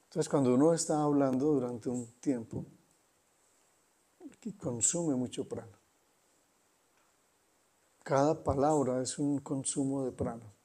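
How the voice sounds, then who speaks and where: Mellow-voiced man giving a spiritual talk. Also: medium pitch. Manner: unhurried, pausing often, conversational. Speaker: spiritual teacher. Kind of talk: satsang talk.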